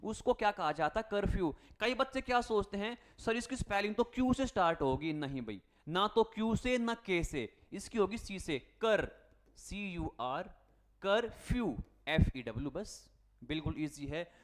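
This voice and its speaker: High-voiced teacher explaining spelling tricks. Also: male voice, expressive, unhurried, a little hiss or hum. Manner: asks the class questions and answers them himself; calls students "beta" and "bhai" in a friendly coaching tone. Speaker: English teacher. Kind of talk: Hindi-language spelling lesson for exam students.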